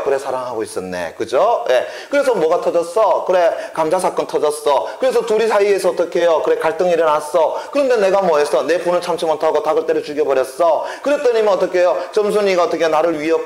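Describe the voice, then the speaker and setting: Lively male teacher, echoey room. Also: a little high. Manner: asks questions and answers them himself, checking understanding; playful, acts out quotes. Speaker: literature teacher. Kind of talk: exam-prep lecture. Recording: roomy echo.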